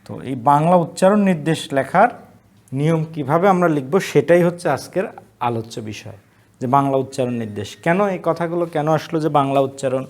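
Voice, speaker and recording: A man's voice: a little high, quick pace, a little mellow. A man teaching an online college class, explaining rules step by step and answering his own questions. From Bangladesh. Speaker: college Bengali lecturer.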